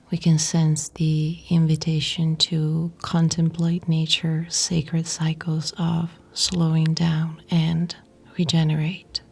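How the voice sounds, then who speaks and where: A woman narrates a yoga nidra guided meditation in a low, warm voice that is breathy, whispery and husky. She is soothing and unhurried, leaving pauses between short phrases.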